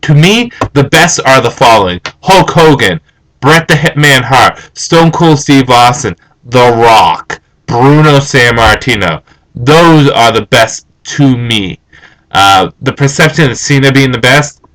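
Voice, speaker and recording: An animated young man in a casual vlog, ranting with strong opinions. His voice is an average male pitch, and he moves between excited storytelling and flat, low disdain. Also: measured pace, poor audio. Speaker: vlogger.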